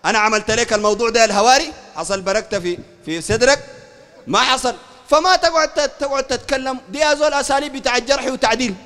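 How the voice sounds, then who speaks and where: Speaking with a Sudanese Arabic accent, a sheikh rushes through a fierce polemical sermon in an unusually high, pushed, bright voice. He raises his voice and keeps asking "understand?" to make sure listeners follow, and a long hall reverb trails behind him.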